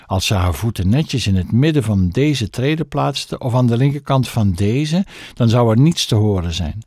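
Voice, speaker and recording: Expressive male audiobook narrator. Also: medium pitch, normal speed, breathy edge, no room sound, clean studio sound. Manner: expressive storytelling. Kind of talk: scripted narration.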